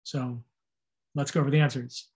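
A man talks through his anatomy slides in a steady, straightforward teaching tone at medium pitch and normal speed. He repeats and spells each term, taking care to stress how it should be pronounced.

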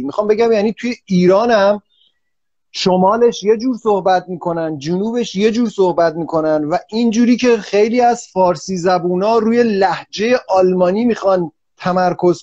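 An interview host asks long, rambling questions in a casual manner, his voice high-pitched and a little mellow. The recording is dull, lo-fi, and dry, with no room sound.

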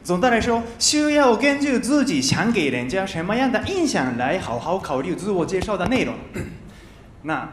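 High-pitched young Japanese-accented male stand-up comedian. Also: sing-song, moderate pace. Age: 20s. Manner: careful learner's phrasing with stumbles and repeats. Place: large TV studio stage with live audience. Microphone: handheld microphone. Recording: roomy stage sound with audience noise.

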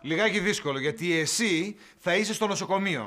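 A man's voice: high voice, bright, forceful tone. An exasperated man of the house. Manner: exasperated, quick. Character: exasperated middle-aged man of the house, short-tempered. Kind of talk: sitcom acting.

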